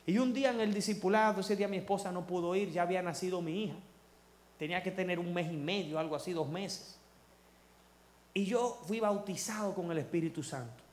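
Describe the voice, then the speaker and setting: A man's voice: sits high, fairly quick. Fervent man testifying in echoey church. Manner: fervent, addresses congregation as brothers.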